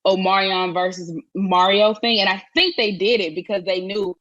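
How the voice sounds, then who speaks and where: A woman's voice: medium pitch, steady tone, moderate pace, fairly bright tone, dry recording, lo-fi sound. Opinionated woman podcast co-host. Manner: opinionated, emphatic, with frequent restarts. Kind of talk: casual chat.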